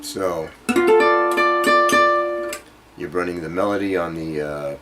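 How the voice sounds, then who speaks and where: A guitar teacher gives an informal lesson, explaining piece by piece hesitantly while demonstrating, as loud acoustic or jazz guitar plays alongside his voice. He speaks low and slow, with fairly even intonation.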